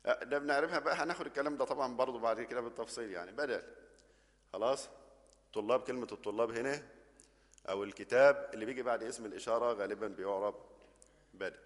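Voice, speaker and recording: A man's voice: mid-range voice, racing. Egyptian man teaching grammar in an echoing hall. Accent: Egyptian Arabic. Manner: explains step by step, keeps checking with the class. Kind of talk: classroom grammar lesson.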